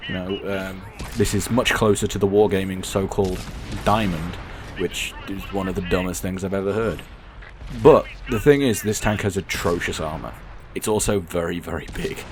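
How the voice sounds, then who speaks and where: Over clearly audible gunfire and engine noise, a gaming commentator with a very deep, hoarse and croaky voice chats casually about gameplay. He rambles, pauses to correct himself, and doesn't filter his blunt opinions.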